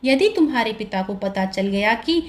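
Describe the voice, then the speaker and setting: A woman's voice: on the high side, lively intonation, moderate pace, natural voice. Woman narrator voices a young female dancer, forthright and spirited. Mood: indignant. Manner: indignant, forthright. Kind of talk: storybook narration.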